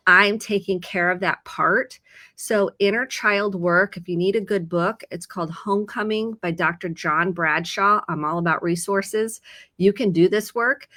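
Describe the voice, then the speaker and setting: A woman's voice: medium pitch, bright, forceful tone. A middle-aged woman therapist earnestly explaining ideas with everyday examples. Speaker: licensed therapist. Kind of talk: conversational advice segment.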